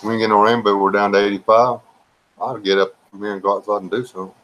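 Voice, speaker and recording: This is a rambling live chat in which a man talks to viewers and meanders through stories in a drawl. Slow, steady and fairly low, his low-key voice gets called relaxing by some viewers and boring by others.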